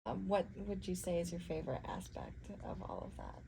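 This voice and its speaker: A woman's voice: fairly low pitch, big pitch swings, normal speed. A woman interviewing casually in a chatty, agreeable way, with loose, conversational questions. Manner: chatty, agreeable, peppers questions with "like" and "you know". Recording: clear background noise, room ambience.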